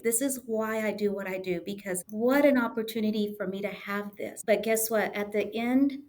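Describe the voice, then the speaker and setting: A woman speaks as a podcast guest, recounting a story in an earnest, heartfelt way. She slips into quoted dialogue as she goes. Her voice sits in a mid range. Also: medium pitch. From United States. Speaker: podcast guest, testing coordinator. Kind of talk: conversational storytelling interview.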